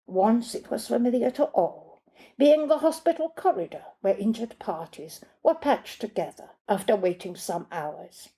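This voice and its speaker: A woman in her sixties, an author, reading her own short story aloud in a measured, deliberate way. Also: fairly high pitch, expressive, warm tone. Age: 60s.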